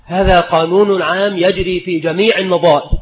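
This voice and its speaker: High-voiced man lecturing in an echoing hall. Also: steady tone, background noise. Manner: slow, deliberate, repeats each rule and example. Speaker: Islamic scholar teaching spelling rules. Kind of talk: recorded lecture. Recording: dull lo-fi recording in a reverberant hall.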